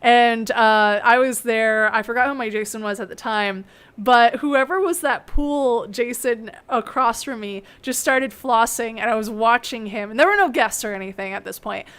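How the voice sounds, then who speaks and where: Chatty young woman hosting, slightly high. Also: normal speed, smooth. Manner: chatty, giggly, animated storytelling. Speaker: host. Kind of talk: casual chat.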